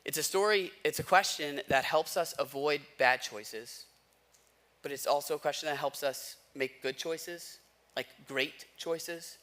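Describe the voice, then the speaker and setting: A thirtysomething American pastor with a fairly high, sharp voice preaches a little slowly. His sermon is conversational, built on personal anecdotes, everyday slang and rhetorical questions.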